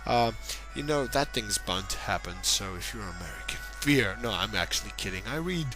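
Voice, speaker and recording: A tipsy man provides casual, rambling play-by-play on a game, joking and swearing along the way. His fairly low voice is expressive and moves at a normal speed, heard over loud game music.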